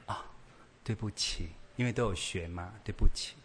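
A man voicing a meek, apologetic mother who speaks softly and hesitantly. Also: on the low side, normal speed, close to an everyday voice. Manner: soft, submissive, hesitant.

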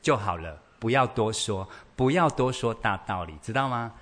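A man teaching a parenting class in a lively way, acting out little scenes as he goes. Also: on the low side, moderate pace. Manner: animated, storytelling, acts out scenes.

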